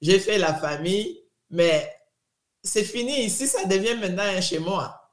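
A middle-aged woman from Congo with a Congolese French accent answering interview questions in a deliberate, emphatic way, often restarting and repeating words. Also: mid-range voice, lively intonation. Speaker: interviewee, immigrant community advocate. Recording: roomy echo.

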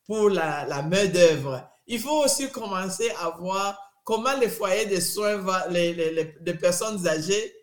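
Emphatic Congolese-accented woman, echoey room. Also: on the low side. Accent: Congolese French. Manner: deliberate and emphatic, with frequent restarts and repeated words. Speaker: interviewee, immigrant community advocate. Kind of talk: earnest interview answer. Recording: roomy echo.

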